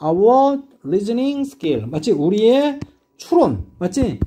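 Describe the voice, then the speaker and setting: A man teaching an English class lectures his students, constantly checking that they're following, with lively emphasis that rises and dips. His voice is high with a breathy edge, and he speaks extremely slowly.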